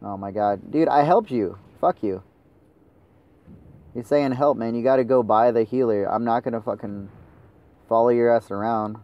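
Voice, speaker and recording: A man's voice: mid-range voice, moderate pace, pauses often, highs cut off. A young man commenting over his own gameplay, swearing and ranting at his teammates. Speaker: gaming channel host.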